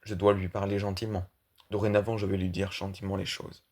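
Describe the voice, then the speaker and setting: A man's voice: low-pitched, level tone, fairly quick, darkish tone, breathy edge, pitched below the performer's own voice. A man voicing an irritable, blunt middle-aged man in an audiobook reading of a play, talking in a brooding, argumentative way.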